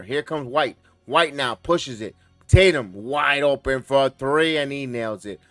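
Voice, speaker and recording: A man calls live basketball play-by-play for a watch-along stream, firing off quick calls that climb on big plays and answering his chat by name. His voice sits at an ordinary middle pitch and sounds dry and close, with faint music underneath. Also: fairly bright tone, no echo. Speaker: host and play-by-play caller.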